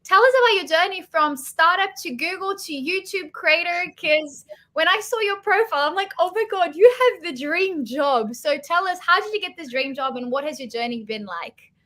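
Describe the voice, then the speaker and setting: Woman, high voice, enthusiastic webinar host, video call. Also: moderate pace, fairly bright tone. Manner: enthusiastic, gushing. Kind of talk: hosting an online masterclass.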